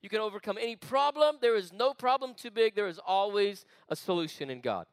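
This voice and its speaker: A man preaches to a young crowd in a loose, chatty way, throwing in asides and quick questions. His voice sits high and swings widely in pitch. The sound is dry and close. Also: animated, clear, resonant tone, no room sound. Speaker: youth pastor. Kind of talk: energetic sermon. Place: church meeting room.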